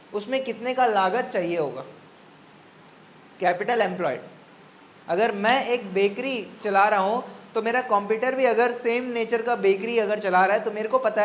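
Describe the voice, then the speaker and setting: A man with a fairly high voice lectures on accounting in a classroom manner. He repeats key phrases, keeps checking that everyone understands, and slows down sharply to dictate each formula. A faint hiss sits under the recording. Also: a bit bright. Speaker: accounting teacher.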